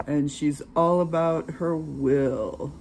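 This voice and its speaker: A woman hosting her own channel, giving a casual tarot reading in an unhurried, chatty way with many filler pauses. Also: sits low, steady tone, a little mellow, slight background noise. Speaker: tarot reader and channel host.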